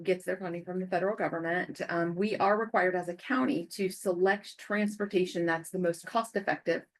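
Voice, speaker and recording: Lower-pitched American woman presenting. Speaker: county job center presenter. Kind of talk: informational presentation at a public meeting.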